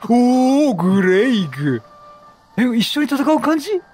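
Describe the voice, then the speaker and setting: A gaming streamer doing casual let's play commentary is playful and reactive, bantering with the characters in slang. His very high-pitched voice has a darkish tone and is very animated yet unhurried, with game music in the background.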